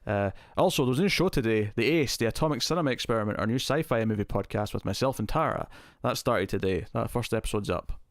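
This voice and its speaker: A man hosting a casual live stream, chatting to viewers and thinking aloud, his voice heavily compressed to an even level on a close mic. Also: medium pitch, fast talker, few pauses, no echo.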